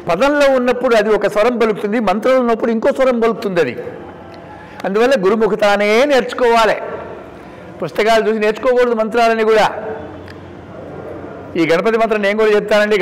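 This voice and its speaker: A man giving a devotional scripture discourse in an emphatic, instructive way, swinging between loud stresses and quiet asides. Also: high voice. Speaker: religious discourse speaker. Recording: reverberant hall with faint background noise.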